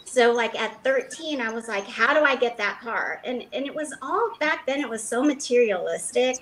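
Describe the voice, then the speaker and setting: A woman's voice: on the high side, lively intonation, normal speed, fairly bright tone, rough recording. A woman from Los Angeles, a fashion designer, giving rambling interview answers full of fillers and restarts.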